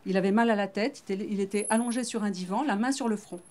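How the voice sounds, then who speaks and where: A woman author reads her novel aloud at a bookshop in a measured, understated way. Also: medium pitch, a little mellow.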